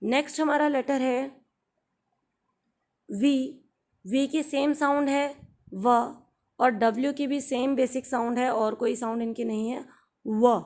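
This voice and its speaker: A young woman with an Indian accent teaches beginner phonics, her native Hindi mixed with English phrases. She speaks in a fairly high voice at an unhurried pace, stretching each example word out so learners can copy it. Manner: slow, carefully drawn-out example words.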